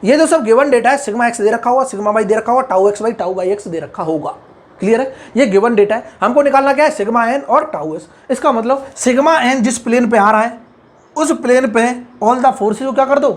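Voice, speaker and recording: A man giving a whiteboard engineering lecture. He keeps checking whether everything is clear, repeats key terms and murmurs short asides of praise. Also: very high-pitched, fairly quick. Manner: keeps asking if it is clear, praises himself with "very good". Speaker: engineering tutor.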